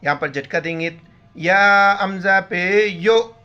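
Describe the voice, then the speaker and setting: A man teaching Quran reading, with slow drawn-out recitation and quick spoken explanations in between. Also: high-pitched, sharp tone, clear, resonant tone, soft background music. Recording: slightly dull lo-fi audio.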